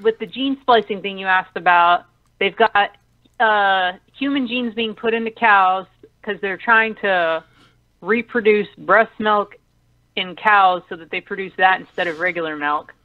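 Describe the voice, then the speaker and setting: A woman's voice: medium pitch, a little slow, dry recording. Eager, rambling woman caller from Tennessee, on a dry, tinny phone line. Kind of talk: call-in radio chat.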